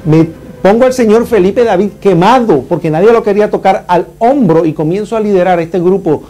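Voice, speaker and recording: High-voiced man recounting a disaster. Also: fairly quick. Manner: vivid, re-enacts shouts and sounds. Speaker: 9/11 survivor giving testimony. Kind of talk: emotional first-person account.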